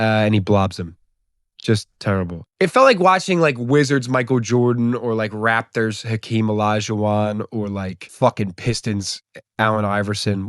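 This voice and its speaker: A man's voice: lowish voice, dry recording, clean studio sound. A young man giving a casual, comedic fight recap, rambling and swearing as he jokes. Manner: profane, rambling, joking. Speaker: YouTube MMA commentator.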